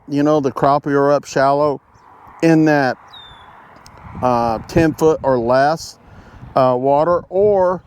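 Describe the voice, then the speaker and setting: A man's voice: medium pitch, a little mellow. Man explaining gear outdoors over road noise. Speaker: fishing tutorial host. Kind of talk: casual instructional talk to camera. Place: outdoors at home beside a pond.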